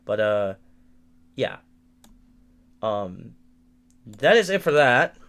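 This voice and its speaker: Speaking very slowly with big swings in pitch, this late-teen guy, nineteen, rambles through a frustrated livestream update from his family home. He keeps restarting and repeating himself, and his mid-range voice leans a little bright.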